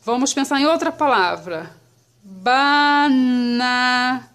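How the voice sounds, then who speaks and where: A woman teaching children about syllables, patient and clear, sounding words out slowly. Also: on the high side, big pitch swings, fairly bright tone. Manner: slow, patient, spells syllables out.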